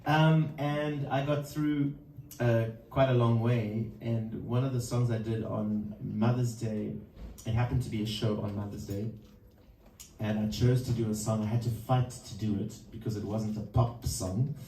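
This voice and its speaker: A man from Zimbabwe, introducing a song at a live music session in a halting, thoughtful way full of pauses and fillers. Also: mid-range voice, steady tone, dark tone. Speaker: singer-songwriter introducing a song. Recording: roomy, distant mic with faint background noise.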